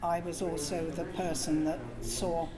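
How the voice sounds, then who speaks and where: A woman's voice: on the low side, flat delivery, a little slow, loud music behind the voice. An older woman with a southern English accent, telling her life story conversationally as a podcast guest. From Essex, England. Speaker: podcast guest, former film production worker. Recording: busy crowd chatter behind. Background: crowd noise.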